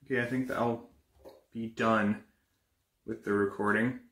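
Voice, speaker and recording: Young male actor as an uneasy amateur ghost hunter for found footage horror: hesitant, unscripted delivery, sharp bright tone, echoey room. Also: lowish voice, little pitch movement. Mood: uneasy, matter-of-fact. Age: young adult. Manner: halting, hesitant, casual. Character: uneasy young man investigating paranormal disturbances. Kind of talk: improvised found footage monologue. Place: indoors, bedroom and kitchen.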